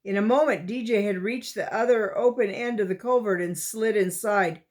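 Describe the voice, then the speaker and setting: A woman reading a chapter book aloud as storyteller, in a slow and steady way. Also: mid-range voice.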